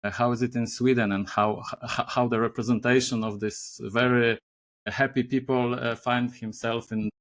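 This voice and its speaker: A male podcast host with a mid-pitched voice asks questions haltingly. He fills his pauses with many hesitation sounds. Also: level tone. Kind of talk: conversational interview.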